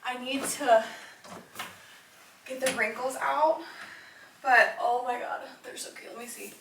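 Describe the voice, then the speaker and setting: A woman's voice: high voice, steady tone, unhurried, creaky, a bit bright, a little hiss or hum. A young woman chatting casually in a home vlog, bubbly and gushing, with lots of filler words. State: out of breath at times. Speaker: lifestyle vlogger. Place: home, indoors. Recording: echoey home room.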